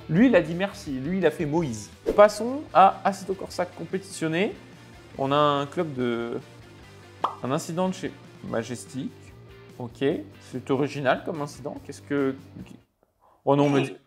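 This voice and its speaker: A man giving casual, expressive commentary over racing game clips. He talks in halting bursts with many fillers and reacts aloud to the crashes. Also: high voice. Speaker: sim racing video creator.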